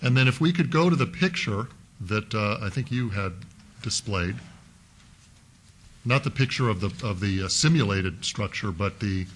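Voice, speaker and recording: In council chambers with a little background noise, a male council member quizzes an applicant at a public hearing. He speaks into a desk mic in a folksy, step-by-step way, thinking out loud with filler words, his lowish, fairly bright voice lively in intonation at a normal speed.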